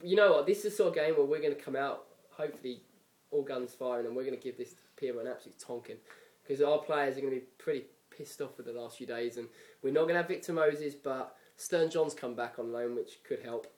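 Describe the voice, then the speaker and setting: A man's voice: mid-range voice, fast, echoey room, distant mic. A chatty man from England hosting a casual football podcast, predicting match results and laughing often. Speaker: podcast host.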